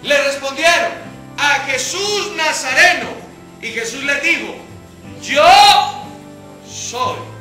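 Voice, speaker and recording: Woman teaching a Bible study, high bright voice, slow and deliberate, echoey church hall with faint music. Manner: animated, acts out scripture quotes, asks rhetorical questions.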